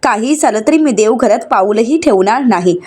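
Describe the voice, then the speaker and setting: A woman's voice: fairly high pitch, animated, normal speed, a little mellow. A woman voicing a grieving, devoted middle-aged mother who speaks insistently and pleads.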